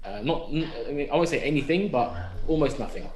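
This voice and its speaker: There's a crowd in the background as this young London podcaster talks quickly with lively intonation in a fairly high voice. Casual and reflective, he thinks out loud and questions himself, his London-accented voice carrying a roomy echo.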